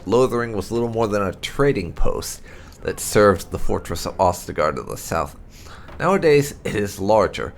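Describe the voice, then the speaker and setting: Narrating fantasy lore like a storybook, a low-voiced man hosts a game playthrough channel and reads the entries aloud. His pitch swings lively, his delivery is deliberate and dramatically emphatic, and a gravelly fry colors his tone. Music plays behind him, with a slight hiss or hum.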